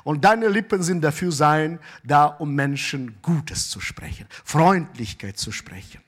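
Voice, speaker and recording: A pastor preaching a sermon, moving between loud, emphatic exclamations and quiet asides. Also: male voice, a little high, animated, a little slow.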